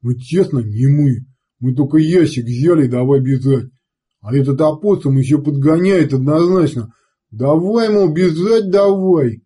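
A man voicing a crude, excitable male redcap savage who talks loud and whiny in an audiobook. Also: fairly high pitch, breathy edge. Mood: pleading excited. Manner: loud, hurried, whiny boasting.

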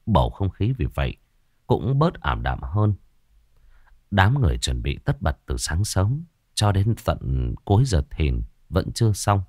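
Deep-voiced male ghost story narrator. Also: big pitch swings, measured pace, a little mellow, no echo, studio quality.

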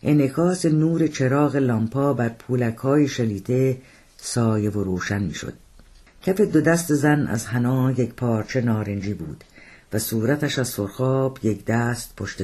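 A man, the author himself, reading his own novel aloud in a steady, measured storytelling manner. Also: mid-range voice, slightly rough. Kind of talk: audiobook narration.

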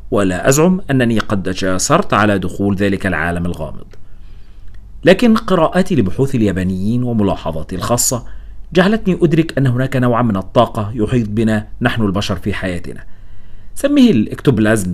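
A man voicing a vain old male scientist who explains his experiments in a proud, lecturing letter read aloud in an audiobook. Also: on the low side. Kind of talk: audiobook reading.

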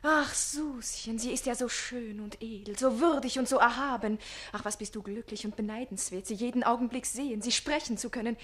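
A woman's voice: a little high, fairly even intonation, quick pace, hardly any pauses, husky. An actress playing a lovesick, impulsive teenage page boy in a classic radio play, speaking in a breathless, gushing, pleading way.

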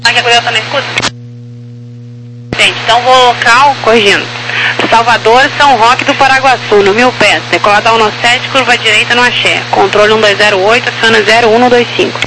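High-pitched Brazilian man on crackly radio. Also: steady tone, brisk. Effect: crackly radio transmission. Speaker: air traffic controller. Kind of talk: clipped aviation radio phraseology. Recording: crackly, noisy aviation radio with hum.

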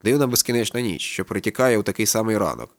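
A man narrating a literary audiobook in a brisk, low-key storytelling manner. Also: animated, no room sound.

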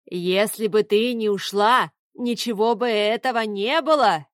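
A woman voicing a scheming old male immortal sorcerer king who speaks slowly and menacingly. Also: mid-range voice, dry recording, clean studio sound, lightly acted. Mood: grumbling. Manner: slow, drawn-out, menacing.

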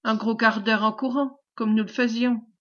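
A woman's voice: fairly high pitch, fairly even intonation, normal speed, fairly bright tone, highs cut off. A woman reading the part of a timid young peasant lad who pleads tearfully but stands his ground, in a storybook reading. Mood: determined. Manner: pleading, respectful but determined.

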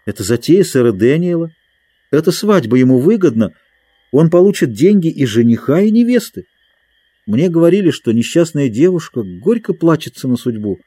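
A man's voice: fairly high pitch, big pitch swings, normal speed, slightly rough, no echo, clean studio sound, pitched above the performer's own voice. An adult man voicing a timid, earnest young girl disguised as a boy in a storybook reading. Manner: gentle, pleading, earnest.

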